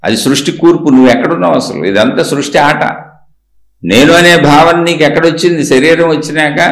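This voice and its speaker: Gravelly man teaching in an echoey room. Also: on the high side, fast talker. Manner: asks rhetorical questions and answers them himself; repetitive, emphatic teaching cadence. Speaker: spiritual teacher. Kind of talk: spiritual discourse.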